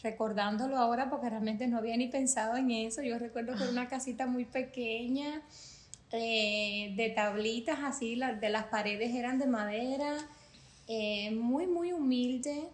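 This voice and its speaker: A woman's voice: fairly high pitch, steady tone, normal speed, echoey room. A Cuban woman in her forties with a Cuban Spanish accent, earnestly telling her life story as a podcast guest. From Cuba. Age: 40s. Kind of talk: personal testimony in a podcast interview.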